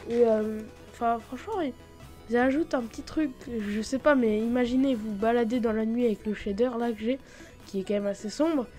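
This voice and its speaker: A woman with a fairly high voice gives a chatty, excitable gaming commentary. She breaks into sudden exclamations and scatters fillers through her talk. Soft music plays in the background. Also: a little fast. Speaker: gaming YouTuber. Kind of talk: Minecraft mod showcase commentary.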